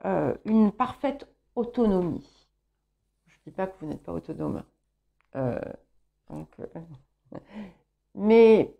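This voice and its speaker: A woman whose first language is English, giving a calm, reflective tarot guidance reading with gentle encouragement. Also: mid-range voice, vocal fry. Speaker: tarot reader.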